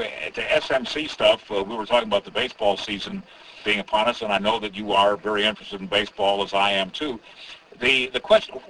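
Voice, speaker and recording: Rambling, bright-voiced radio host. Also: male voice, mid-range voice, a little hiss or hum, rough recording. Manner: rambling, many fillers and restarts. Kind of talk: casual radio interview.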